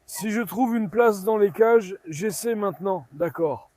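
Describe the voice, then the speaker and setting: A man filming a casual vlog at his farm, coaxing and calming his dogs while chatting to viewers. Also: high-pitched, unhurried, dry recording. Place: farmyard outdoors.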